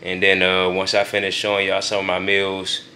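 A man's voice: low voice, monotone, normal speed, very noisy. A young man vlogging casually from his home kitchen, talking straight to his viewers in a laid-back way. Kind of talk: casual vlog talk to camera.

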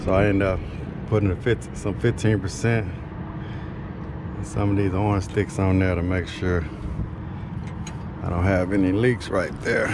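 A man's voice: deep voice, moderate pace, pauses often. A man, an HVAC technician casually narrating his repair work on a rooftop while he keeps working. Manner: relaxed, talks while working with his hands. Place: outdoors on a commercial rooftop. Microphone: head-mounted action camera. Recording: loud machinery and wind noise. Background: loud rooftop AC unit and wind.

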